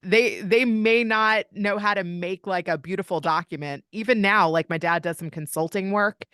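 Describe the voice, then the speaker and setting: This Kentucky woman, a podcast guest, shares family stories openly and chattily in a casual interview. Her mid-range voice moves at normal speed and sounds a bit bright. The studio-quality recording is clean, with no room sound.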